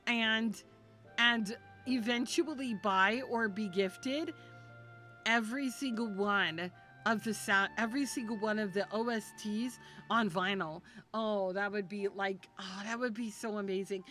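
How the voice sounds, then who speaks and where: A woman's voice: on the high side, a bit bright. A woman VTuber streamer chatting casually with her viewers. She is emotional and gushes in rambling sentences, often restarting them. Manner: gushing, rambling, many restarts. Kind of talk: casual live-stream chat.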